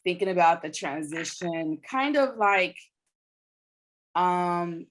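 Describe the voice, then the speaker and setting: A woman's voice: lowish voice, animated, slow pace. Heartfelt woman speaking with emotion. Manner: heartfelt and emotional, searching for words. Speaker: podcast co-host. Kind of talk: casual conversational podcast chat.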